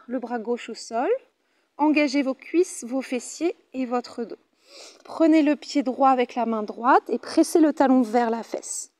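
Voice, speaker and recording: A French Pilates instructor with a French accent leads a guided exercise class, her high, darkish voice cheerful and chatty as she counts out reps. The recording is dry.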